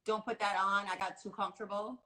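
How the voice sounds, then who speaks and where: A radio host woman with a bright, sharp voice. She gushes with enthusiasm and throws in casual swearing while she asks questions. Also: medium pitch, flat delivery, fast talker, poor audio. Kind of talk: casual interview.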